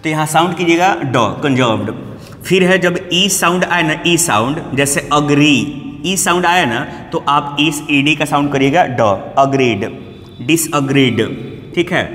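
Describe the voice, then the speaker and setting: A man gives a patient pronunciation lesson in Hindi, repeating each example word several times. His voice sits a little high for a man. The room is echoey, with a long reverb tail and a faint hiss underneath. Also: a little slow, a bit bright. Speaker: English teacher.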